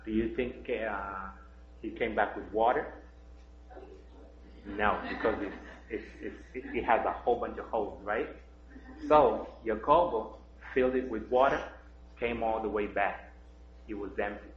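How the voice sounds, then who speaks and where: A man from Kenya, telling a story during a children's sermon, gently, with many "uh" fillers and questions to the kids. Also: fairly low pitch, unhurried, a little hiss or hum. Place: church sanctuary. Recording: dull roomy church recording.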